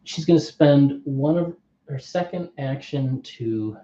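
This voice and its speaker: A man's voice: medium pitch, slow, dark tone. A man playing a board game on stream, thinking aloud, reading rules off the cards and asking his viewers for opinions. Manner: thinks aloud, reads card text, asks unseen viewers. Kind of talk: casual play-through commentary. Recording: muffled, echoey room.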